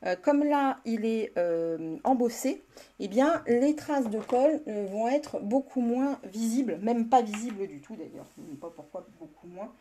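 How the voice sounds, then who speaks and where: A chatty woman demonstrating a card-making craft in a live tutorial, her voice sitting a little high. She talks to her viewers by name as she works and laughs easily. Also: expressive, a little slow, warm tone, a little hiss or hum. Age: older.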